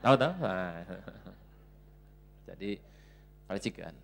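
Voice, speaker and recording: A middle-aged male pastor preaching a sermon, telling family stories and acting out the dialogue in lively voices. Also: sits low, takes it slowly, vocal fry. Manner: animated, acts out family dialogue in varied voices. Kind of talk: sermon with storytelling. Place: church function hall.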